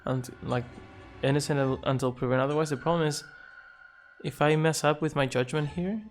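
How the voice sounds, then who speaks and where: A man streaming a video game live, reasoning through his choices out loud with playful, jokey asides. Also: a little high, fairly even intonation, a little fast, soft background music. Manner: thinks aloud, reasoning things through. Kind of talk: live gameplay commentary.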